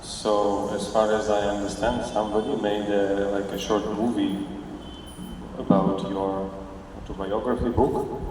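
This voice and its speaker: Flat low-voiced man asking a question. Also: a little slow. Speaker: audience member asking a question. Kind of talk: question from the audience. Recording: echoey hall, distant mic, background noise.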